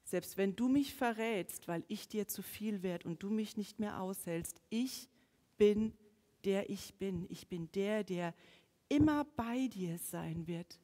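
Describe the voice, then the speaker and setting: A woman preaching a sermon, swinging between strong emphasis and hushed, whispered passages. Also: medium pitch, a little slow. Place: church. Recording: long reverb of a church hall.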